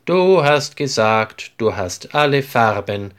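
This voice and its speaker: A man's voice: medium pitch, animated, takes it slowly, fairly bright tone. A man voicing a stubborn young boy who argues insistently. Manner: insistent and contrary.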